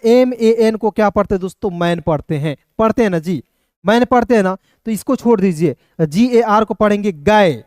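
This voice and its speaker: A man's voice: high voice, darkish tone, clean tone, no echo, clean studio sound. A man teaching English pronunciation in an online video lesson, spelling words out letter by letter and repeating each one to his viewers. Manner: repetitive, addresses viewers as friends, spells out letters slowly.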